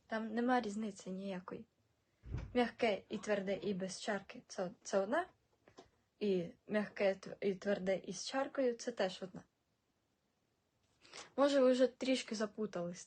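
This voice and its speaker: A woman's voice: mid-range voice, a little mellow, breathy edge. A woman teaching a casual video lesson, explaining patiently, repeating example words and checking in with "right?" again and again. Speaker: Czech language teacher.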